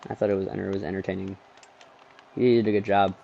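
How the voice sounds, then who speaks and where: A young man casually commentating his football video game from his bedroom, rambling between plays and getting excited over big moments, sounding sleepy. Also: low voice, quick pace, gravelly, lo-fi sound, slight background noise. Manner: rambling, excitable play-by-play with frequent ums. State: sleepy, yawning. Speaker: gaming streamer.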